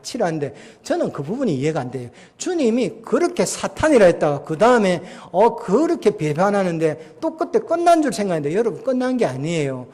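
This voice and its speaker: Animated male preacher, lively pitch. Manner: animated preaching, acting out quoted lines, rhetorical questions. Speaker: pastor. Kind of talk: sermon.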